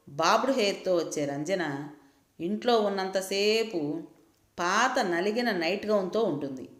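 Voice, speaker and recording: Woman narrator, low voice, even scripted story reading, roomy echoey sound. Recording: roomy echo.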